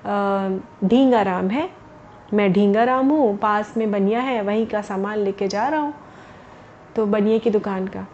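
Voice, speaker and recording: A woman voicing a humble, simple-minded village porter man, speaking slowly and hesitantly in a storybook tale. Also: mid-range voice, a little mellow, highs cut off, slight background noise, close to an everyday voice. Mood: plain.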